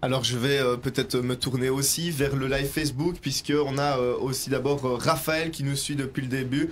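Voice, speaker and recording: A man hosts a live radio chat, pausing often on fillers as he reads listener messages. His voice sits at an ordinary middle pitch. A light background hiss runs under the recording. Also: fairly even intonation. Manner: hesitant, frequent fillers; reads listener comments aloud. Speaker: radio host.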